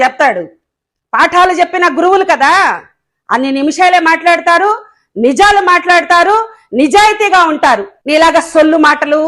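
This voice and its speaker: A woman's voice: very high-pitched, fairly bright tone. A woman giving a combative press statement as a local political leader, fiery and sarcastic, scolding with rhetorical questions.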